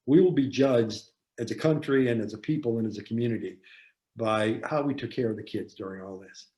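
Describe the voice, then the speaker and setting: A man giving a seminar talk, telling a story in an animated way and repeating phrases for emphasis. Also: lowish voice, brisk. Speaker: seminar presenter on parenting. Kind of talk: storytelling lecture. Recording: roomy echo.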